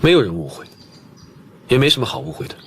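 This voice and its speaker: An actor playing a young male CEO who speaks in a clipped, dismissive way with a husky voice. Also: medium pitch, very animated, quick pace, a bit bright, a little hiss or hum. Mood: cool, curt. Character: cold, curt male CEO landlord, young adult.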